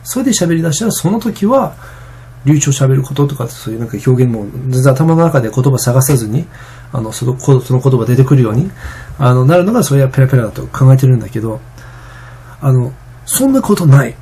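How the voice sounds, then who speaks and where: Fast, gravelly, husky-voiced man. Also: medium pitch, sing-song, warm tone. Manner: rambling, many fillers and restarts. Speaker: vlogger. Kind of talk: casual vlog monologue.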